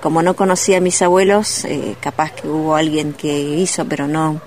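A woman from Neuquén, a ceramist guest on a radio interview, speaking gently and hesitantly with many pauses. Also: sits low, little pitch movement, a little hiss or hum. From Neuquén, Argentina.

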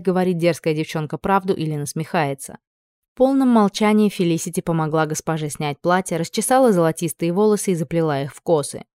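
Low-voiced woman narrating a novel. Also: a little mellow, smooth, no room sound, clean studio sound. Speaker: audiobook narrator. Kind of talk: scripted narration.

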